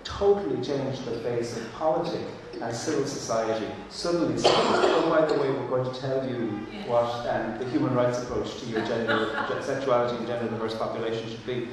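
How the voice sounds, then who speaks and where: An Irish man whose first language is Irish speaks earnestly and thoughtfully on a panel, often restarting his sentences. His mid-range voice is steady, at a moderate pace with few pauses, captured from far off in an echoey hall with background noise.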